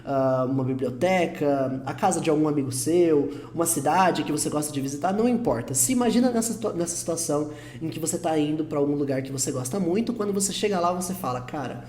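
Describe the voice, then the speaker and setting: A man with a Brazilian Portuguese accent teaching an online English lesson, patient and reassuring, repeating each example slowly. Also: a little high, mellow. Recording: roomy echo.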